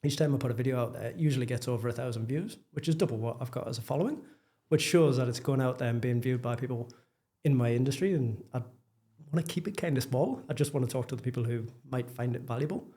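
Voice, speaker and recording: A Geordie-accented man from northeast England, a property developer, gives a casual podcast interview, talking frankly and self-deprecatingly. His warm, mid-range voice moves at a quick pace.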